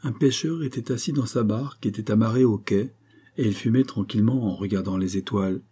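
A man narrating a classic novel as an audiobook reader, in a steady, even storytelling manner. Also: lowish voice, brisk, breathy edge.

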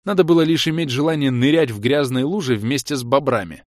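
A male audiobook narrator with an even, wry storytelling manner. The recording is dry and close, with no room sound around the voice. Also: medium pitch, quick pace, dry recording. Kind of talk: scripted narration.

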